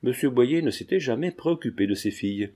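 A man voicing a polite, formal middle-aged notary who speaks in a measured, precise way. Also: medium pitch, animated, dark tone, natural voice.

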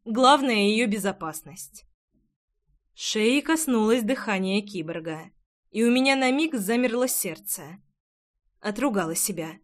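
A woman reads a first-person audiobook in a somewhat high voice. Her delivery is lively and expressive, and she stays close to the story throughout. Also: unhurried. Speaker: audiobook narrator.

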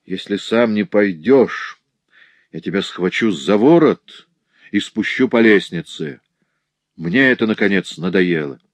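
A man voicing a coarse, rude male bailiff in a storybook reading, loud and mocking. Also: lowish voice, expressive, measured pace, dry recording. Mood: gruff.

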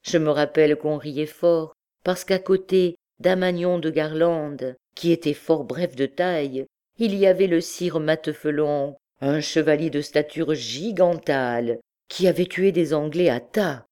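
A woman's voice: sits low, measured pace, mellow, smooth. A woman voicing an elderly noble lady who reminisces in a rambling, chatty way. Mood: nostalgique.

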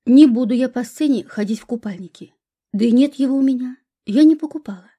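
A woman's voice: on the high side, brisk, warm tone, husky. A woman voicing a sensible, weary young woman who grumbles at her friend. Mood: grumbling.

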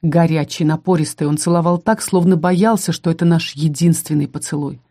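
An audiobook narrator reading a first-person fantasy romance novel in a calm, measured storytelling manner. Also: mid-range voice.

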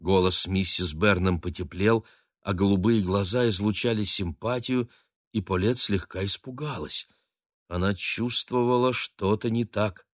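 Expressive male audiobook narrator, low and lively, dry studio sound. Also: a little slow, no echo. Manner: expressive storytelling. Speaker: audiobook reader. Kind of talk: scripted narration.

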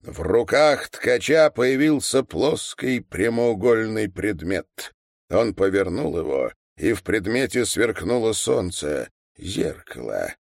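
A man narrating a story as an audiobook reader, in a measured storytelling manner. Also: on the low side, expressive, creaky, no echo, clean studio sound. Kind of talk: audiobook reading.

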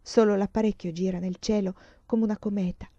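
A woman reading a literary novel aloud as an audiobook, shifting between hushed and louder passages. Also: medium pitch, brisk, no room sound, muffled recording. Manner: expressive, swings between hushed and loud passages. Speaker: reader of a novel.

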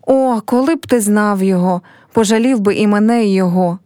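A woman's voice: mid-range voice, brisk, mellow, no echo, studio quality, natural voice. A woman reading a play aloud and voicing a young village girl who is heartbroken and proud, speaking in a pleading, reproachful way. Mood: sorrowful.

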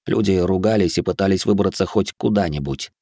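A man reading a first-person audiobook in steady scripted narration. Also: sits low, fairly quick, no echo, studio quality.

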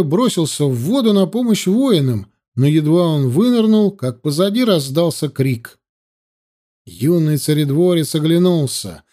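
Expressive male audiobook narrator. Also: fairly high pitch. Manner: expressive storytelling. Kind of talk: scripted narration.

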